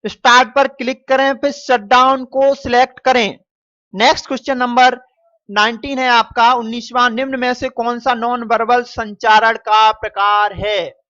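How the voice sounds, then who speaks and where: A man's voice: very high-pitched, little pitch movement, bright, forceful tone, no echo. Man teaching through a quiz paper, dull dry recording. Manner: addresses students as dear children; repeats and stretches answers slowly. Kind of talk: exam paper walkthrough lesson.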